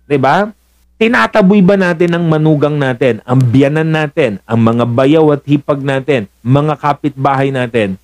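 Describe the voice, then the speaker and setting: A man preaches, keeping it light with jokes and small laughs. His voice sits a little high for a man. The sound is dry and close, with no room around it. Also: no room sound. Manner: jokey, chuckles often, mimics voices. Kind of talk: sermon with jokes.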